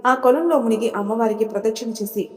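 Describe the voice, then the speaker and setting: Woman doing a gentle, advising mother-in-law. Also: a little high, fast, lightly acted. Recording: reverberant room.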